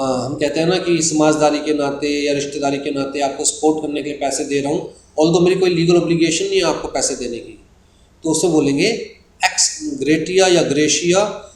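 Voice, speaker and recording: An Indian man with a fairly high voice explains terms patiently, slowing down for definitions. He sounds like a teacher giving a recorded lecture. The recording has a roomy echo and a faint hiss behind him. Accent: Indian English. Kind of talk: recorded exam-prep lecture. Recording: echoey room with faint hiss.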